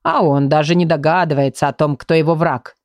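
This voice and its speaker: A woman voicing a plump male book who talks slowly and gravely. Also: low-pitched, fairly even intonation, darkish tone, no room sound, studio quality, pitched below the performer's own voice.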